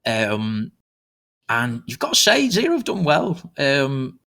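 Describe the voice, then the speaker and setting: A man doing fast live play-by-play commentary on an online soccer match, jumping up in excitement at goals and a little out of breath. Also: mid-range voice, vocal fry. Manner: excitable, rapid, rises sharply on goals. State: slightly out of breath. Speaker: esports commentator.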